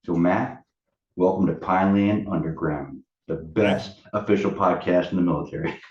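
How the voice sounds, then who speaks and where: In a pub doubling as an offsite studio, a man with a low voice introduces a guest at normal speed as co-host of a casual podcast. Because of an audio fault, his mic comes across echoey, dull and distant.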